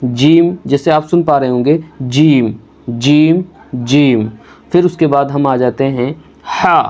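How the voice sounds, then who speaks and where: A male Quran reading teacher, giving a step-by-step beginner lesson, slowly repeating each letter sound and explaining patiently. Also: fairly high pitch, warm tone, highs cut off.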